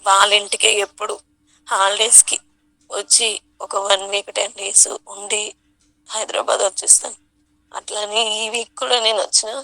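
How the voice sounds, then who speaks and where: A woman's voice: mid-range voice, level tone, normal speed, gravelly, pauses often, sharp tone, no room sound, poor audio. A woman with a Telangana Telugu accent giving an earnest, emotional personal testimony at a church prayer meeting.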